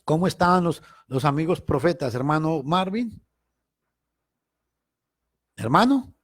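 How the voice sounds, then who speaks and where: Animated preaching man, high lively voice. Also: a little slow, husky. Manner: emphatic, swings between loud stress and quiet asides. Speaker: Bible teacher. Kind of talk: preaching Bible study.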